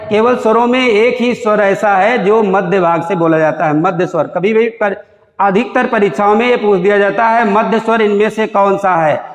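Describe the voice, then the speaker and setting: Man, grammar teacher, high-pitched voice, demonstrates vowel sounds aloud, roomy reverberant recording. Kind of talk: classroom lesson explaining vowel sounds. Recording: echoey room with long reverb.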